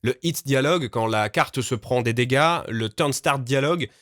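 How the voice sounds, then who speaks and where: A man casually explaining, in a relaxed way with frequent fillers, how he records voices for his game. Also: mid-range voice, moderate pace, no room sound, studio quality. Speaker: game developer and voice actor.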